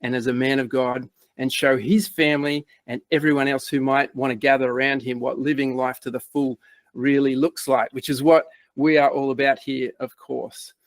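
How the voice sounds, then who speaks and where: A man's voice: mid-range voice, flat delivery, moderate pace, no echo. A man hosting a podcast, introducing his guest with enthusiasm and asking questions. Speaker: podcast host. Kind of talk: podcast interview.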